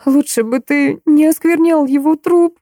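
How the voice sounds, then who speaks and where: A woman reading an audiobook, voicing a distraught young woman who pleads and cries out in a higher voice. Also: lively intonation, normal speed, dark tone, no echo, studio quality. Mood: anguished. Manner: pleading, raised and tearful. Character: young woman, tearful and horrified.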